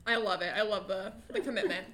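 A woman's voice: medium pitch, steady tone, quick pace, fairly bright tone. A young woman hosting a podcast, casually running a quiz in a playful, giggly way. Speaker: podcast host.

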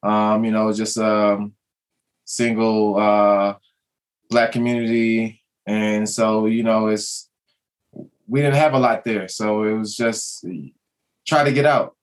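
A man's voice: on the low side, flat delivery. Young guy from maryland, ex hoops player, keeps restarting his sentences, casual chat. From Maryland, USA. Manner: halting, many restarts and fillers. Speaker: guest, former basketball player.

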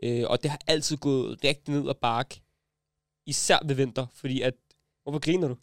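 A young podcast host with a mid-range, fairly even voice chats casually, teasing his friends, laughing often and mixing English slang into his talk. The studio-quality recording has no echo.

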